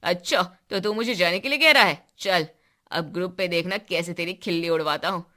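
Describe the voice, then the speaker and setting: A woman voicing a teasing teenage boy in a cartoon story, loud and mocking. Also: on the low side, fairly quick.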